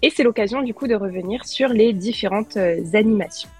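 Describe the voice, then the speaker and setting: A woman's voice: mid-range voice, fairly quick, husky, faint music behind. A woman presenting news as a podcast co-host, chatty, with frequent fillers and self-corrections. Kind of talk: casual chat.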